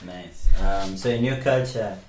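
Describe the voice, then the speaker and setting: A man from Uganda interviewing a guest, asking soft-spoken questions with short fillers in between. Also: low voice, a little slow. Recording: echoey room with faint noise.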